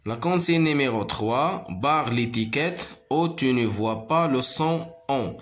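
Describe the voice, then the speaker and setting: Man, primary school French teacher, very slow, repeats words, counts syllables. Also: mid-range voice, lively intonation. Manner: repeats each word slowly and counts syllables, switching to Moroccan Arabic to explain. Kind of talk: slow classroom reading lesson.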